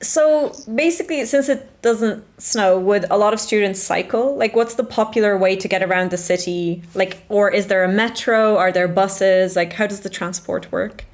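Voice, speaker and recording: A woman's voice: medium pitch, moderate pace, few pauses. A young woman hosting a casual student interview, chatty and full of "like" fillers.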